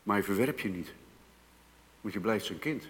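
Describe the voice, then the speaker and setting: A man preaching a sermon, moving from hushed, slow passages to loud, emphatic outbursts. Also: on the low side, animated. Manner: dramatic swings between hushed and loud emphasis. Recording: long reverb of a church hall.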